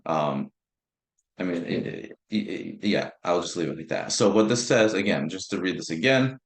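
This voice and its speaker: Man, young, math lecturer, informal, self-correcting, low-pitched, echoey room. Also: normal speed, vocal fry. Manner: informal, restarts words, thinks aloud with fillers. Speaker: math instructor. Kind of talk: recorded lecture. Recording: roomy echo.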